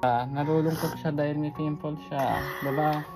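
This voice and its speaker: A man's voice: fairly high pitch, little pitch movement, moderate pace. Teasing man over background music. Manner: teasing, coaxing, laughs often. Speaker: vlogger filming his wife. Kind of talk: casual family vlog.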